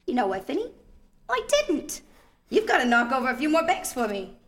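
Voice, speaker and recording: A woman's voice: high voice, very animated, moderate pace. A woman voicing a vain, scheming middle-aged female skate crime boss in a comedic radio play, theatrical and grandiose. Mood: bossy.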